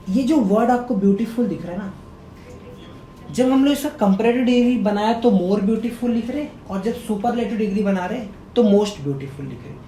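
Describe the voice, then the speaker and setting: A man teaches grammar in a fairly high, mellow voice. He keeps quizzing his viewers, repeating each answer as a question and sounding words out slowly. The room is echoey, with a faint rumble underneath. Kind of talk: grammar lesson to camera.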